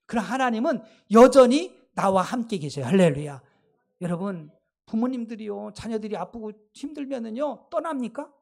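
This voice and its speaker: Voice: medium pitch, expressive, moderate pace, creaky. Emphatic Korean pastor preaching a sermon. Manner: emphatic preaching, rhetorical questions to the congregation, exclamations.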